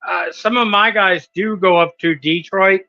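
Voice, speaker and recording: A man's voice: high voice, fairly even intonation, a little slow, no room sound, lo-fi sound. A man in his thirties, a wrestling promoter, talking in a casual podcast interview with hesitant ums and restarts. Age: 30s.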